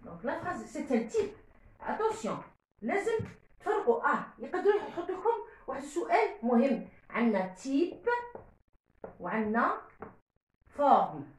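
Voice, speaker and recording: A woman's voice: sits high, big pitch swings, a little fast, pauses often. A woman teaching a French grammar lesson step by step, switching between Arabic and French. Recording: echoey room.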